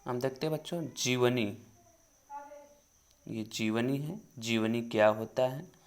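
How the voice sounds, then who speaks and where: Male teacher reading out grammar definitions, slow and patient, repeats each line. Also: mid-range voice, a little hiss or hum. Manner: slow, repeats definitions, calls students "children". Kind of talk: Hindi grammar lesson.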